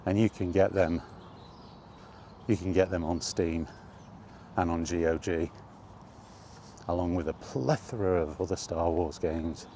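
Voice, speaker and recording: A video host with a deep, mellow voice reminisces about games in a casual, rambling chat, thinking aloud with hesitant pauses. He's on the move, walkie-talkie vlog style, with faint ambient noise behind him.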